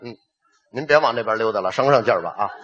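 A man with a Beijing accent playing straight man in a comedy double act, firing off quick incredulous comebacks. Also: fairly low pitch, fairly bright tone, muffled recording. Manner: quick incredulous retorts, often laughing. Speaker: straight man in a comic duo. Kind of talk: crosstalk comedy dialogue.

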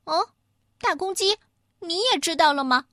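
A woman voicing a vain, excitable young hen with a crooked comb, shrill and clucking. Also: normal speed, no echo, studio quality. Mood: eager.

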